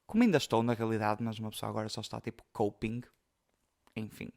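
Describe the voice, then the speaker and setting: A man's voice: on the low side, quick pace, vocal fry, darkish tone. Young guy, portuguese accent, chatty podcast storytelling, emotional, says tipo a lot. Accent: European Portuguese. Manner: chatty, emotional, many fillers. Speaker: podcast host. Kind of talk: casual storytelling.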